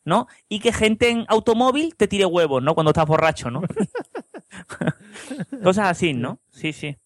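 Man, Andalusian accent, high voice, rambling anecdotes, casual podcast chat, dry close sound. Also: very animated, a little slow, dry recording. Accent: Andalusian Spanish. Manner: rambling anecdotes, constant tag questions. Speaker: podcast co-host.

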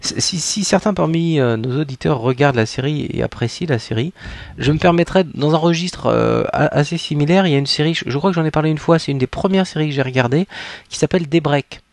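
A man co-hosts a casual podcast and jumps into the talk with emphatic remarks. His voice sits fairly high, with a gravelly rasp. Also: fast talker, no room sound. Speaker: podcast co-host.

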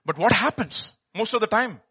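A male preacher with an Indian accent delivers a sermon in a fairly high, forceful, bright voice. He is emphatic and dramatic, repeating words for weight and throwing rhetorical questions at his listeners as he mixes testimony with teaching. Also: animated, moderate pace, slightly rough. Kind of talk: animated sermon with personal testimony.

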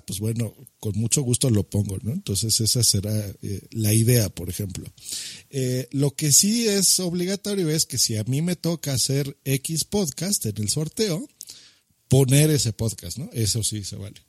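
A man's voice: medium pitch, lively intonation, moderate pace, slightly rough, no echo. A man co-hosting a podcast, explaining the event rules in casual chat with lots of fillers.

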